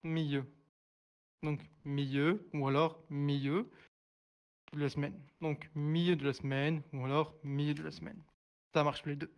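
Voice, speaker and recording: A man's voice: on the high side, flat delivery, clear, resonant tone. A man teaching a sign language class online, hesitant, full of fillers and restarts, repeating each word as he signs it. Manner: repeats each word slowly while signing. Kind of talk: live online class explanation.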